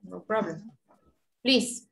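Slow, patient woman teaching pronunciation. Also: medium pitch, vocal fry, a bit bright, rough recording. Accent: Argentine Spanish. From Argentina. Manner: patient, slow and encouraging, models words carefully. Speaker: English teacher. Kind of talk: online class, pronunciation coaching.

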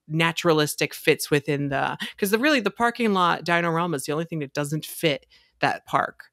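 A man's voice: fairly high pitch, a little fast, bright, forceful tone, no echo, clean studio sound. A man co-hosting a casual theme park podcast, talking in long run-on explanations and reacting with animation. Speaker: podcast co-host.

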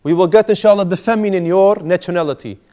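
In a small indoor classroom with a whiteboard, a man in his thirties teaches Arabic, patiently going over each word, repeating and explaining it. He is a fast talker with a high-pitched, mellow voice.

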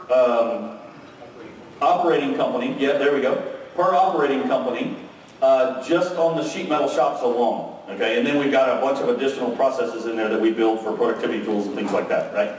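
Speaking in a mid-range voice, a man gives a technical keynote with plenty of energy, punctuating it with "okay?" and "right?" The recording comes from a distance in a large, very echoey hotel ballroom before an audience, carrying slight hiss or hum.

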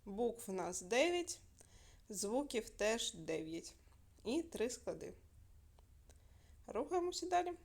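A woman's voice: on the high side, big pitch swings, slow pace, pauses often. Patient woman teaching a video lesson. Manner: clear, patient, asks questions and answers them herself. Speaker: primary school teacher.

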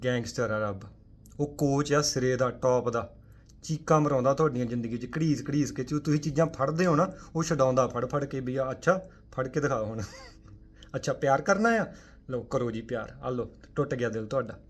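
A man gives a fervent Sikh spiritual talk straight to his viewers, firing off rhetorical questions. His voice sits at an ordinary middle pitch. He swings from loud, punchy emphasis to quiet, dropped asides and tosses in English words as he goes. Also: brisk. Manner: forceful, full of rhetorical questions.

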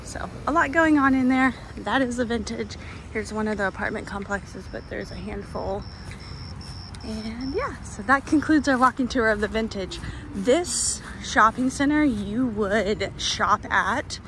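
A woman's voice: a little high, measured pace, fairly bright tone, rough recording. A woman giving a casual walking tour outdoors, chatty and full of fillers, a bit tired and thirsty. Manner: chatty, filler-heavy, laughs often. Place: outdoor shopping center plaza. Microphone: handheld phone camera while walking. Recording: outdoor phone audio with street noise. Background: traffic and outdoor ambience.

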